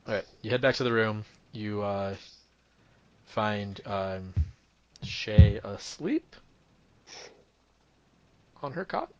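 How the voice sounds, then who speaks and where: A man's voice: fairly low pitch, lively intonation, slow, pauses often, no echo, lo-fi sound. A young man running a tabletop game as dungeon master, describing scenes in a loose, rambling way with many ums and restarts.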